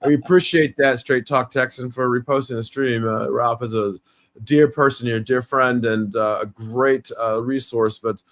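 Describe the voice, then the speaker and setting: A man hosting a live stream interview, enthusiastic and halting, with many fillers and restarts. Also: mid-range voice, steady tone, a bit bright. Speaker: livestream host. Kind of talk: casual interview.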